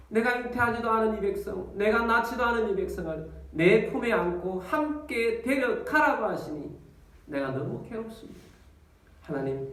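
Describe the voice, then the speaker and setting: A man's voice: high voice, pitched above the performer's own voice. A man voicing a weary, despairing old prophet who pleads in anguished prayer, in a sermon recorded from a distance in an echoey church. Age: older.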